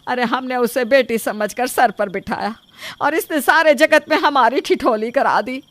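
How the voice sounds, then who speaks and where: A woman voicing a sharp-tongued middle-aged mother-in-law who scolds sarcastically. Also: sits high, measured pace, dry recording. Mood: scolding.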